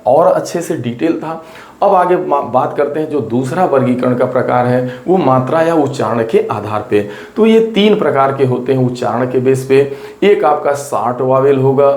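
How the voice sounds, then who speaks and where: A man's voice: mid-range voice, darkish tone. A man teaching an exam-prep grammar lesson, explaining step by step and repeating his points to students. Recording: roomy echo.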